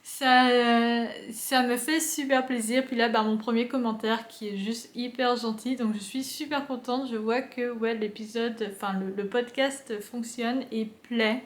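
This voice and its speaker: A woman's voice: a little high, fairly even intonation, measured pace, few pauses, reverberant. A young woman chatting casually in a vlog from her couch at home, with lots of fillers and restarts. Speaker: book vlogger. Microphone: camera on a tripod.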